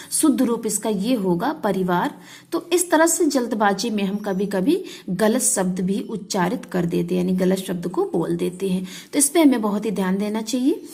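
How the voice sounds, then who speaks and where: A fairly high-voiced woman teaching a grammar lesson to young children. She talks patiently and restates every point in plainer words, like a classroom teacher working through a textbook. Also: darkish tone. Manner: patient, repeats each point in simpler words.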